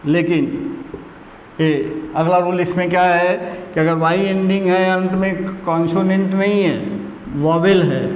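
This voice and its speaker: A man with a slightly high voice teaches grammar at a very slow, deliberate pace, repeating key words over and over. His voice rings through a roomy space with a long reverb tail. Faint room noise sits behind him. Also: fairly even intonation. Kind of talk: classroom grammar lesson.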